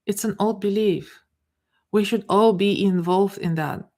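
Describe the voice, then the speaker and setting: Speaking in a mid-range, slightly mellow voice, a middle-aged woman with a Bulgarian accent gives a live coaching talk. She talks haltingly and without a script, going back over and repeating words as she searches for them.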